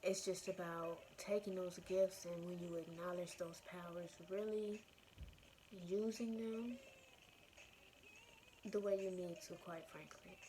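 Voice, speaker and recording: A woman host giving a casual, reflective monologue to her followers, earnest and meandering, circling back over her phrases in a creaky voice. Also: on the low side, fairly even intonation, a little slow, warm tone, slight background noise, poor audio. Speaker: spiritual self-love podcast or vlog host.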